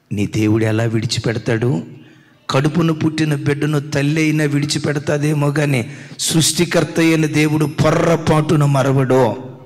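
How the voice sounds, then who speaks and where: A man pastor voicing a wise old king in a sermon story, speaking in a measured, lowered tone. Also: a bit bright, long reverb tail.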